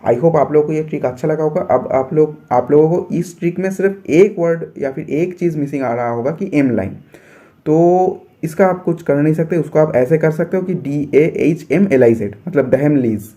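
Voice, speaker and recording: A man's voice: fairly high pitch, moderate pace, mellow. A young man from India teaching biology for an entrance exam, explaining step by step and repeating his points.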